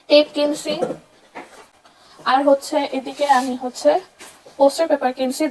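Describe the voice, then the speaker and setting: A woman's voice: fairly high pitch, vocal fry, a little mellow, far from the mic, poor audio. A young woman chatting casually to camera in her bedroom, mixing English phrases into her talk. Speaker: vlogger.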